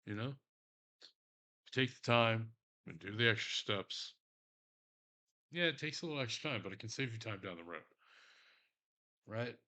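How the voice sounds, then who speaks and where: A man's voice: lowish voice, animated, moderate pace, long pauses, sharp tone. Profane, rambling Texan man at work. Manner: rambling, profane, self-mocking. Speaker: streamer. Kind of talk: casual crafting stream chat.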